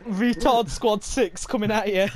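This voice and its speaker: A man's voice: sits high, fairly even intonation, a little slow, a crowd in the background. A man playing an online game in voice chat, laughing and teasing his teammates. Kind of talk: voice chat while gaming.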